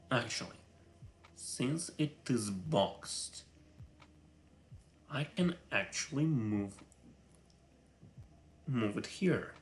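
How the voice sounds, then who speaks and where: A man with a Russian accent works through code on a live stream in a low, unhurried voice. He talks to himself in halting bursts full of filler sounds. He sounds self-conscious about his English. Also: a little hiss or hum. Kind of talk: live coding stream, thinking aloud.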